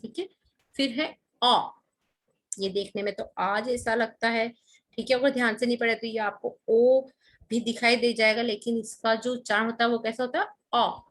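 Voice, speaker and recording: A woman's voice: a little high, fairly even intonation, moderate pace. A woman teaching a grammar lesson to children, patient, asking the class questions and repeating key points.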